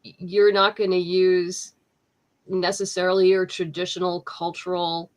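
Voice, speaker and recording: Over a video call, a woman with a slightly low, level voice chats loosely about her comic as a guest in a casual online interview. She talks at a measured pace, full of ums and restarts, and laughs easily.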